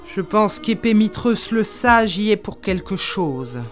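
Conan, a woman doing a gruff wounded barbarian king. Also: mid-range voice, expressive, takes it slowly, faint music behind, voice pushed up. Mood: furious. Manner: growling, cursing. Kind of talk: audiobook character voice.

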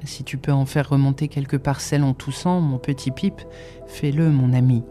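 A reader voicing Joe, a gentle, earnest blacksmith who talks in a slow, solemn, confidential way, in an audiobook. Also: medium pitch, fairly even intonation, faint music behind, natural voice. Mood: earnest concern. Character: gentle simple blacksmith man, kindly, earnest.

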